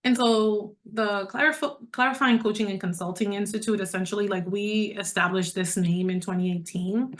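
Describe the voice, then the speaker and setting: Middle-aged woman pitching a leadership program. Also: fairly even intonation, normal speed, hardly any pauses. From Dominican Republic. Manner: conversational and persuasive, addressing listeners directly. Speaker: leadership coach and program presenter. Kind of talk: online presentation to a group. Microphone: video call.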